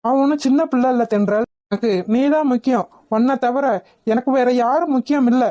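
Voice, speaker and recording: A woman voicing a calm young husband in a cartoon, soothing and patient. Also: high-pitched, brisk, no room sound, natural voice. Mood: reassuring. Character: calm young husband Ashwin, gentle and reassuring. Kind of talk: Tamil cartoon voice acting.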